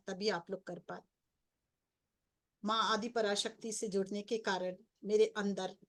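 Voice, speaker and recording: A middle-aged woman, a spiritual coach, earnestly recounting her spiritual experiences as a personal story. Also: mid-range voice. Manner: earnest storytelling, grows excited and breathless. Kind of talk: personal testimony.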